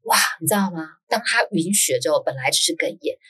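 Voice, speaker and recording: A woman guest, an author and schoolteacher, telling a personal story in conversation, lively and full of fillers and quick "yes, yes" affirmations. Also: fairly low pitch, breathy edge.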